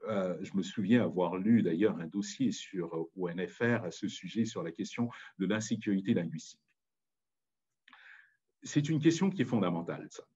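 Husky Parisian man giving a passionate talk. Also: lowish voice, a little mellow, lo-fi sound. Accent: Parisian French. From France. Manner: impassioned, emphatic, insistent. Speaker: speaker. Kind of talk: public talk on language and community.

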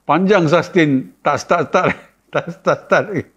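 A man with a Malaysian Malay accent, casually telling a funny story about a gig. He laughs often and acts out a shrill scream. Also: slow, fairly bright tone, slightly rough. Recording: dull lo-fi sound.

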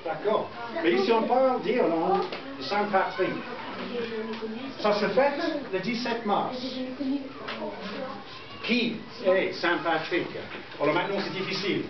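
A middle-aged man from southern England, a native English speaker with an English accent, teaching a school class in simple, halting phrases with repetitions. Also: high-pitched, sing-song, a crowd in the background. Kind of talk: classroom lesson. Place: indoor school classroom with pupils. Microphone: distant camera microphone. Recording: echoey noisy classroom, muffled, from far off.

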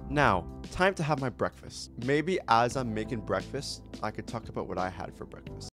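A man's voice: mid-range voice, animated, normal speed, fairly bright tone, faint music behind. Young man casually commenting on a game. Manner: casual, reacts aloud, reads dialogue. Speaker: gaming channel host. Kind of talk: let's play commentary.

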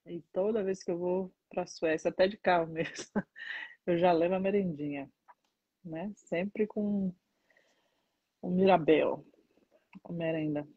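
A woman in her thirties from Salvador with a Bahian Brazilian accent, chatting casually as a dance teacher answering viewer questions, animated and stressing words by slowing down. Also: fairly low pitch, no echo, lo-fi sound. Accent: Bahian Brazilian Portuguese. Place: indoors, seated in front of a painted mural.

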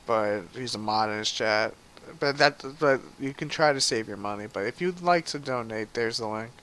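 A man's voice: fairly low pitch, normal speed, bright, forceful tone. A man casually commenting on his live gameplay stream, chatty and profane, answering his chat as he plays.

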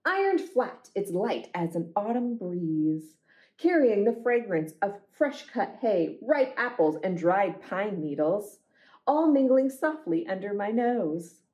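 A woman with a mid-range voice reads picture books aloud at a children's storytime. Her phrasing is deliberate and expressive.

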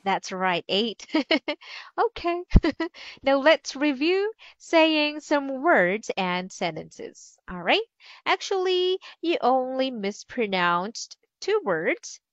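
A woman's voice: sits high, very animated, very slow, dry recording. A woman teaching an online English lesson, cheerful and encouraging, laughing often. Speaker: ESL teacher. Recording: dull lo-fi sound.

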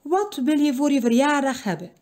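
A woman's voice: sits high, animated, moderate pace, darkish tone. A woman voicing a worried, fussing king in a children's storybook.

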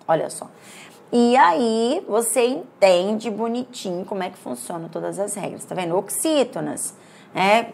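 A middle-aged Brazilian woman teaching grammar for an exam course. Her voice is gravelly with a husky edge. She talks in a chatty way and repeats words to drill them. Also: mid-range voice. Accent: Brazilian Portuguese. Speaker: Portuguese teacher for exam prep. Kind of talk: online exam-prep lesson.

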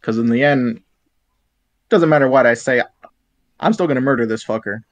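A man's voice: mid-range voice, normal speed, dull audio. A man playing a tabletop role-playing game, joking around and describing what his character does. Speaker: player. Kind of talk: casual tabletop play.

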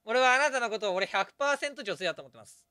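A man hosting a game stream in an animated, teasing way and laughing often. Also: very high voice, racing, no room sound, studio quality. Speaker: host.

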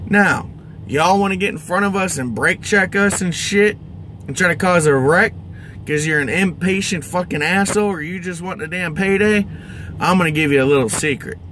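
Sitting in his truck cab, a middle-aged American trucker delivers an angry vlog rant that's exasperated, emphatic, and full of profanity. He speaks at normal speed in a high, slightly bright voice, with a little hiss or hum.

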